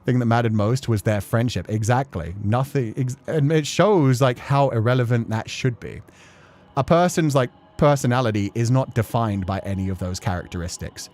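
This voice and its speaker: Here a man hosts a game playthrough as a streamer, rambling earnestly and emotionally through casual, reflective remarks. He talks at normal speed in a mid-range, slightly mellow voice, and music can be heard behind him.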